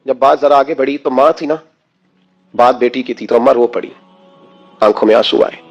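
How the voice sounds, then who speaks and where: A man's voice: medium pitch, muffled recording, soft background music. A man preaching an emotional sermon, impassioned, firing rhetorical questions at his listeners.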